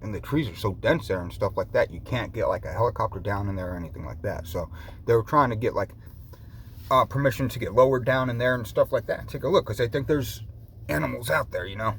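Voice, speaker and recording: A man's voice: medium pitch, fast talker, a bit bright. A man chatting casually to viewers in a loose, rambling way, often repeating himself. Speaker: vlogger. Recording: noticeable background noise.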